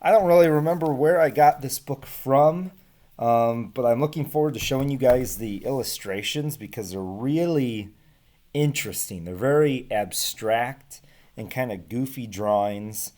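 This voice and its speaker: A casual read-aloud lesson comes from an American man in his thirties, a teacher addressing students on camera. His voice is mid-range and darkish, his explanations plain and simple with pauses between. The setting is a small bookshelf-filled room at home, captured by a desk-distance webcam or laptop mic.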